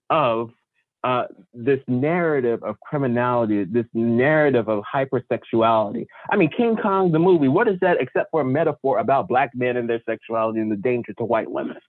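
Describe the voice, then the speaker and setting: A man speaking as a panel guest, explaining his views in an articulate, deliberate way with repeated emphasis. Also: mid-range voice, no room sound. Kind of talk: impassioned explanatory discussion. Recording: tinny phone-like line.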